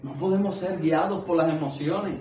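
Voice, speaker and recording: A man's voice: a little high, normal speed, dark tone, a little hiss or hum. A man preaching a sermon to a small congregation, earnest and conversational, asking many rhetorical questions. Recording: echoey room, mic at a distance.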